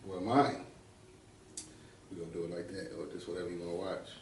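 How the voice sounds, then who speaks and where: A man co-hosting a casual talk show, speaking in relaxed conversational slang with some swearing. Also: deep voice, fairly quick, slight background noise. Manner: slangy, profane banter. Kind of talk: casual chat. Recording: roomy echo, distant mic.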